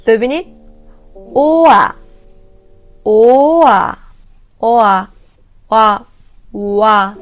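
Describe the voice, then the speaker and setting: A woman teaching Korean vowels in an online lesson, patiently repeating each sound slowly and addressing her viewers as kids. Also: fairly high pitch.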